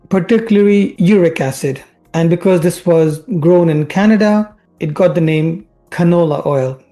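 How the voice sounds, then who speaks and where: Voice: mid-range voice, warm tone. A presenter from India who is a physician, explaining research in a scripted science show host manner with rhetorical questions and emphatic key words. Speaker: family physician presenting health videos.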